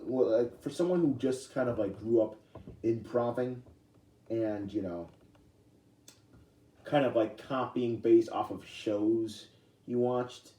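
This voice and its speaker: A young man vlogging in a casual, rambling way, halting often with fillers and restarts. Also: fairly low pitch, warm tone. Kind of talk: casual talk to camera. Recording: echoey room, distant from mic.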